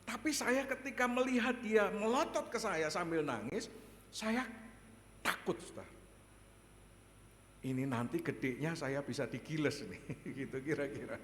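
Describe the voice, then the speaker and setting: A male pastor preaching a sermon, telling a personal story in an animated way, chuckling often and addressing the congregation directly. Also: on the high side, moderate pace. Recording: echoey hall, faint background noise.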